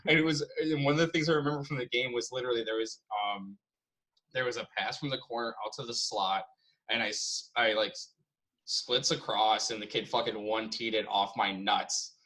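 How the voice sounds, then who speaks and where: A man's voice: medium pitch, fairly even intonation, a little fast, bright, forceful tone, poor audio. A young man from the Chicago area, a podcast co-host telling stories in casual chat, laughing often and swearing freely. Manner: laughing storyteller, heavy swearing.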